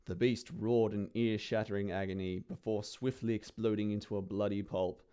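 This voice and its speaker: A man narrating a gory dark-fantasy story with dry, theatrical relish. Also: fairly low pitch, level tone, moderate pace, clear, resonant tone.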